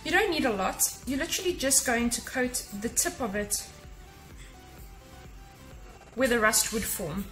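The recording is low quality, with faint music behind a woman in her thirties whose voice is fairly high, animated, and a bit bright. She speaks a little slowly and pauses often, chatting practically to camera in her home kitchen as a cleaning vlogger passing cleaning and organizing tips to viewers.

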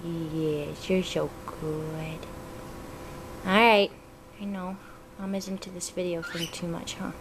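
A woman's voice: level tone, slow, long pauses, noisy background. A woman filming at home, chatting about her parrot and cooing baby talk to her birds. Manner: coos baby talk to her bird, swinging high and low. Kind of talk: casual home video narration.

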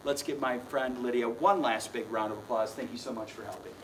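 A man's voice: mid-range voice, a little fast, far from the mic, background noise. A young adult man performing a children's magic show, with playful, mock-flustered showman patter aimed at the kids.

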